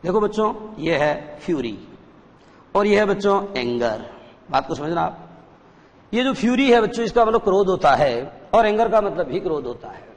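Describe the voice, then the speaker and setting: A man teaches a class in a fairly high voice. He explains slowly and says key points twice. His voice rings with a long reverb, as in a broadcast studio. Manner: explains slowly, repeats points, calls pupils "children". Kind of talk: classroom lecture.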